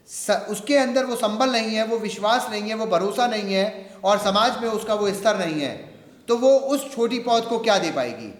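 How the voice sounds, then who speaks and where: A man giving an earnest public lecture, speaking with emphatic rhetorical repetition and mixing in English phrases. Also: high-pitched. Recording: echoey hall.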